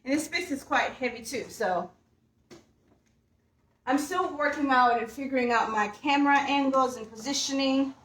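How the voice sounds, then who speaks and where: The camera mic picks up a roomy sound with slight background noise as a young woman from Uganda chats upbeat to viewers during a home furniture project. She's a furniture painting vlogger whose high, slightly bright voice moves at a moderate pace.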